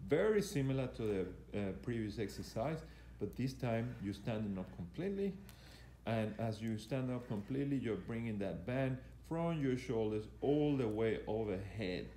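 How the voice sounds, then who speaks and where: A man's voice: mid-range voice, lively intonation, moderate pace, warm tone. Male fitness coach in an echoey gym. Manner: hesitant, repetitive, instructional. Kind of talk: live exercise demonstration commentary. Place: indoor gym. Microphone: handheld camera operated by the speaker. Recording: echoey room, faint background noise.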